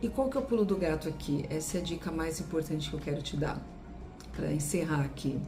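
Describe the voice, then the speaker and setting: Low-voiced Brazilian teacher drilling English sounds. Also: female voice, lively intonation, fairly quick, over music. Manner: exaggerated, drilling repetitions. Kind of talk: pronunciation lesson.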